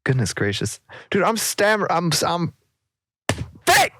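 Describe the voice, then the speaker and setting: A man co-hosting a casual gaming podcast, excitable and laughing often, now and then jumping up to loud high squeals. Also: normal speed. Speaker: podcast co-host.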